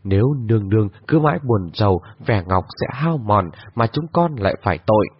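A man's voice: fairly low pitch, lively intonation, fairly quick, slight background noise, lightly acted. A man reading a storybook voices a devoted young maidservant who pleads anxiously with her mistress. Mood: pleading. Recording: dull lo-fi recording.

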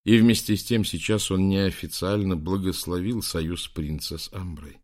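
A man reading an audiobook, narrating in a measured, even way. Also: deep voice. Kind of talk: scripted narration.

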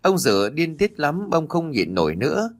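A man narrating a ghost story in a dramatic, expressive reading style, over faint background music. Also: a little high, normal speed.

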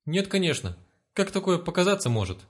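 A scared young woman, put on by a male storyteller, cries out in a high, panicky, pleading voice. Her voice sits well above his own speaking pitch. It sounds like a spoken storybook. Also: big pitch swings, a little fast. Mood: flustered. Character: frightened young woman tending a patient.

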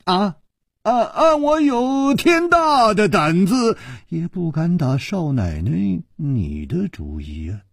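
A man's voice: high-pitched, sing-song, slow pace, gravelly, slightly rough, dry recording, studio quality, voice pushed up, exaggerated voice. A male storyteller voicing a witty young swordsman hero who talks in a playful, teasing way with bursts of laughter.

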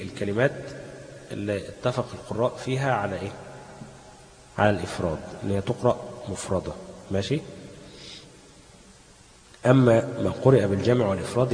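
A man's voice: fairly low pitch, darkish tone. Egyptian man teaching in an echoing hall. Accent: Egyptian Arabic. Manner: asks the class questions and answers them himself, says "ماشي؟" often; chants quoted verses slowly. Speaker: Quran recitation teacher. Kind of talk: classroom lesson on Quranic readings. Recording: echoey hall, faint room noise.

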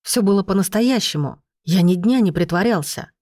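A woman's voice: medium pitch, lively intonation, moderate pace, a little mellow, no echo, natural voice. A woman reading an audiobook, voicing a remorseful young man who earnestly pleads with his girlfriend, in a dry recording. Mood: pleading.

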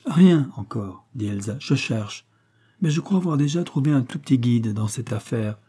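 Calm confident young lady sleuth, read by a guy, brisk orders, dark husky voice. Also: mid-range voice. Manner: composed, brisk instructions. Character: young woman sleuth, calm and self-assured.

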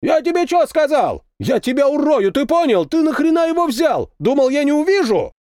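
A male narrator playing a brash young tank captain, high-pitched and rough-spoken, his voice swinging up and down with a loud, boastful edge. The sound stays close and dry. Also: wildly swooping pitch, normal speed, no room sound. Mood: shouting.

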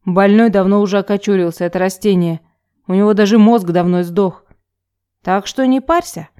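A woman murmuring as a domineering man, husky and low. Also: normal speed, mellow, lightly acted. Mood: husky insistent. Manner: low murmuring, breathy mutter. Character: forceful domineering young man, hoarse with desire.

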